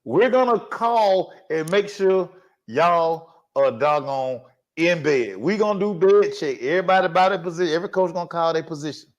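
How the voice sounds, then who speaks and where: Animated high-voiced man telling a story. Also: normal speed, highs cut off. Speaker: sports talk show host; former high school football coach. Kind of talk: casual storytelling chat.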